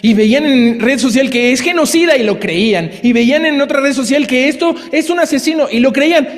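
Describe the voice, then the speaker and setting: High-voiced preacher in a reverberant hall. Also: male voice, a little fast. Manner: lively, conversational preaching with asides and acted quotes. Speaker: pastor. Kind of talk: sermon.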